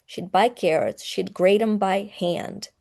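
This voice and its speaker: A woman's voice: medium pitch, takes it slowly, vocal fry, darkish tone. Heartfelt Ukrainian-born woman in her fifties. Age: 50s. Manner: earnest and heartfelt, choking up at times. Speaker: guest. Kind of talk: emotional personal storytelling.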